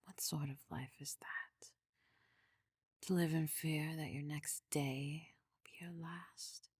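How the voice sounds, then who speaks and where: A woman playing a possessive, devoted necromancer queen in a whispered role-play, speaking formally and with measured control in a deep, husky, breathy voice. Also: steady tone, darkish tone, no room sound, clean studio sound, heavily acted. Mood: possessive, persuasive.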